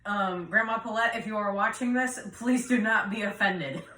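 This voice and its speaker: A young man chatting casually in a hesitant, deadpan way, often trailing off. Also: sits high, normal speed. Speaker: co-host. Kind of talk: casual chat. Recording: roomy room, distant mic.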